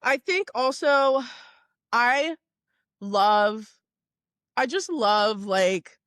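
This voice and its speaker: A woman with a lilt hosts a casual podcast, her voice sitting a bit high and slightly hoarse. She chats in an upbeat, rambling way full of fillers. The sound is dry and close, with no room around it. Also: expressive, extremely slow, fairly bright tone, no room sound. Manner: chatty, filler-heavy, upbeat. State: hoarse, under the weather. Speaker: podcast host.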